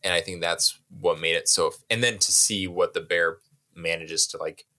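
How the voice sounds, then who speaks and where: A man's voice: sits low, moderate pace, pushed and bright. A man co-hosting a podcast, talking through a movie scene in a thoughtful, analytical way. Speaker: podcast co-host. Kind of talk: casual film discussion.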